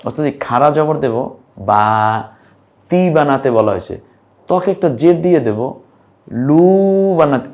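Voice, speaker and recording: A man's voice: fairly high pitch, lively intonation, moderate pace, long pauses, dull audio. A young man teaching an online lesson, patiently sounding out syllables and quizzing his viewers. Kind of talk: online lesson on reading Arabic vowel marks.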